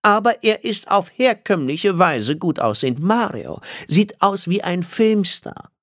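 Gushing elderly woman, a man's put-on voice, high-pitched, animated, dry audiobook read. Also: a little slow, no echo. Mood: teasing. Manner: swooning, emphatic. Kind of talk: audiobook character voice.

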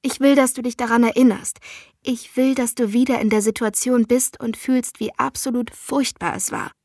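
A woman voicing a fierce, blunt young female friend who swears and talks forcefully. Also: on the high side, fairly even intonation, normal speed, no room sound, studio quality. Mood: urgent.

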